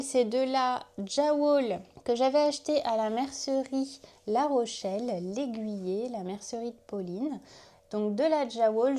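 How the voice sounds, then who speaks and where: A woman hosts a knitting video podcast and chats casually with her viewers. Her voice sits a little high, and she talks freely, often laughing and poking fun at herself. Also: mellow. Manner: chatty, laughs often, self-mocking. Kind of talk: casual chat to camera.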